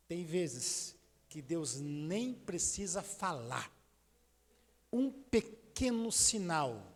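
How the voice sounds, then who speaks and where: A male pastor preaching a sermon, swinging between loud declarations and hushed, intimate asides. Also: high voice, big-room sound. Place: church sanctuary.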